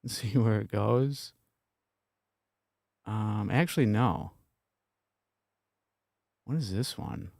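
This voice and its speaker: A man's voice: lowish voice, extremely slow, gravelly, pauses often, a little mellow, dry recording, clean studio sound. A man hosting a stream, making offhand, casual comments as he plays recordings. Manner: offhand, mumbling asides.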